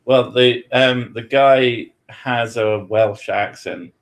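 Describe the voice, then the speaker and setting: A British podcast host speaks slowly in a steady, medium-pitched voice as he answers questions. His casual chat is loaded with jokes, plenty of swearing and regular laughter.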